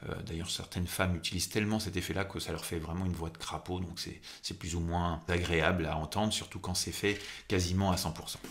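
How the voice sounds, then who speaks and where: A man's voice: deep voice, steady tone, fast, few pauses. A man giving an informal vocal technique lesson as a singing coach, conversational and instructional, drawing out key words for emphasis.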